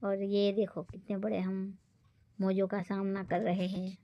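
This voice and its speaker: A middle-aged woman with a Gujarati accent narrates a casual vlog, filming on her phone outdoors at the beach. She is chatty and repetitive, mixing Gujarati with Hindi. Her voice often sinks to a hushed, breathy whisper. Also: medium pitch, completely flat delivery, a little slow, lo-fi sound. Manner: chatty, repeats "look" over and over, mixes Gujarati and Hindi. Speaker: vlogger. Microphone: phone camera.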